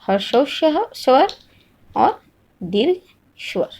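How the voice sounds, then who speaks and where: A woman teaching a Hindi grammar lesson at an unhurried pace. Her voice sits a little high, and she repeats each point patiently before turning it into a question for the listener. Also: sing-song, creaky, darkish tone, breathy edge. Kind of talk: slow classroom-style grammar lesson.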